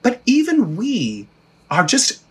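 A man's voice: very high voice, slow. A middle-aged man from India, an actor talking bluntly and with animation in a casual conversation. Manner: blunt, animated, swears freely. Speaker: actor, guest.

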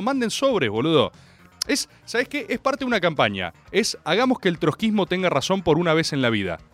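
Animated sarcastic Argentine male radio host. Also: fairly high pitch. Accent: Argentine Rioplatense Spanish. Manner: sarcastic, mock-grandiose, slangy. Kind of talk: comedic radio monologue.

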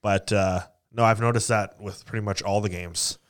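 Man co-host with short, halting reactions. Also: fairly low pitch, steady tone. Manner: repeats his openings, short reactions. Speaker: podcast co-host. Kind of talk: casual sports chat.

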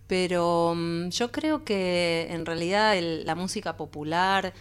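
A woman with a porteño Buenos Aires accent talks in a loose, rambling way, guest on a studio radio show. Her voice sits fairly low and sounds smooth and clear. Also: slow pace. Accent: Buenos Aires Spanish. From Argentina, raised partly in Peru. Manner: chatty, rambling, frequent "viste" tags. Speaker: singer guest. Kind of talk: casual interview chat.

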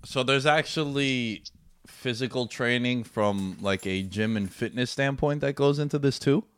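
Chill new dude hosting, slangy, dry close mic. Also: male voice, mid-range voice, a little slow, fairly bright tone, smooth, no room sound. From Queens, New York. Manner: laid-back, slangy. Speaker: interviewer host. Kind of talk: casual interview chat.

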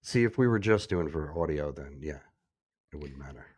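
Low-voiced male podcast co-host, dry close sound, rambling and self-mocking. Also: expressive, normal speed, a little mellow, husky, no echo. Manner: rambling, self-deprecating, many fillers. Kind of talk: casual chat. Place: echoey room.

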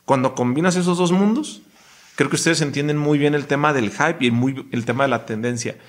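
A man's voice: on the high side, a little fast. A man with a Mexican accent hosting a casual podcast chat, teasing and slangy, laughing a lot. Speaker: podcast host.

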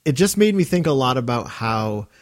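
A man hosting a podcast in casual chat, relaxed and easygoing, with many fillers. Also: mid-range voice, normal speed. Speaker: podcast host.

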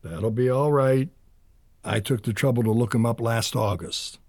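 A man's voice: medium pitch, moderate pace, darkish tone, no echo, natural voice. A middle-aged actor playing a blunt, plain-spoken small-town father in an audio drama.

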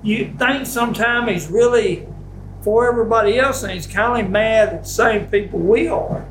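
A man's voice: high-pitched, normal speed, a bit bright, a little hiss or hum. A man talking casually in an interview, plain-spoken and rambling. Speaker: stepfather of the accused family.

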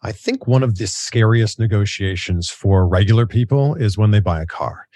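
Low-voiced male interviewer, close dry sound. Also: normal speed, dark tone, no room sound. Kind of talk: conversational interview questions.

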